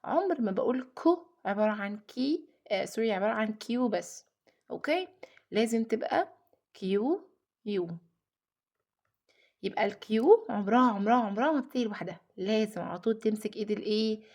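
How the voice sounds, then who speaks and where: Speaking with an Egyptian Arabic accent, a woman teaches children a phonics lesson, repeating letter sounds slowly and stretching them out while mixing English words into her Arabic. Her voice is medium in pitch, animated and a little mellow.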